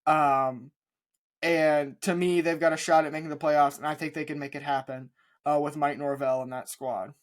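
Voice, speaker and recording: A young man with a voice pitched a bit higher than most men's talks through his sports picks. He sounds sure of himself and fills his pauses with plenty of uh's and um's. His delivery is casual, like a chat between co-hosts. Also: level tone. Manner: confident, leans on fillers. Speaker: podcast co-host.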